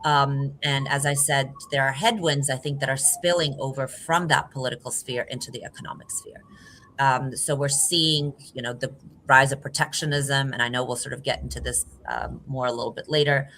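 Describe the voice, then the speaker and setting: A woman from Croatia speaks on a conference panel with a very low, deep voice. She talks in a measured, deliberate way, pausing on fillers as she builds long points. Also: steady tone, fairly bright tone. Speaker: business association executive. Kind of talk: panel discussion.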